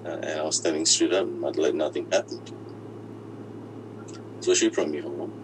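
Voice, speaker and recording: A man whose voice has been disguised and pitched deep, telling his own story in an interview, halting and often restarting his words. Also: noisy background. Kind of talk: personal account in an interview.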